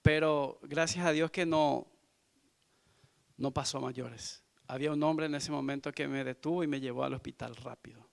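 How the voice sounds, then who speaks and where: A man in his forties, a visiting missionary, giving an earnest sermon testimony in church, moving from hushed to loud. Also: mid-range voice, fairly even intonation, moderate pace, vocal fry. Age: 40s.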